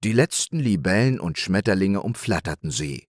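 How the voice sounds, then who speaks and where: A man reading a fairy tale aloud as a calm bedtime story narrator. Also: sits low, normal speed, no echo, studio quality. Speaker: audiobook reader.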